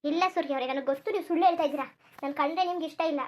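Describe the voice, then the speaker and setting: A woman's voice: sits high, rapid-fire, close to an everyday voice. A woman voicing a lovesick, clingy young woman in a cartoon, pleading and repeating herself insistently. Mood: desperate. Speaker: cartoon character. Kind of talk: Kannada cartoon voice acting.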